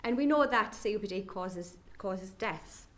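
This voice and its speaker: A woman's voice: medium pitch, lively intonation, a little slow, a bit bright. Chatty Geordie woman giving a talk. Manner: chatty, jokey asides to the audience. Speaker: nurse consultant. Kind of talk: conference presentation. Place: lecture hall at an education day.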